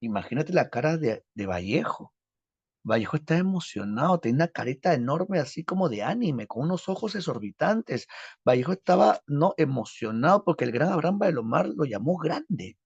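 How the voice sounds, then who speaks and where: A man's voice: a little high, big pitch swings, moderate pace, gravelly, a little mellow, slightly rough, no room sound. A male literature teacher, telling a dramatic story as a lecture and asking rhetorical questions. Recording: dull lo-fi dry recording.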